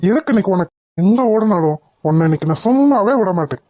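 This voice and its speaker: A woman's voice: medium pitch, lively intonation, fast, dark tone, no room sound, natural voice. A woman voicing an angry doctor who scolds and threatens.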